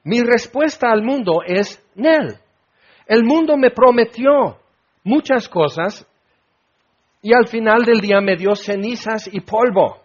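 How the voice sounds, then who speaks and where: A man's voice: very high voice, expressive, slow, dull audio. A man preaching a sermon in a folksy, joking way, slipping into the voices of the people in his story.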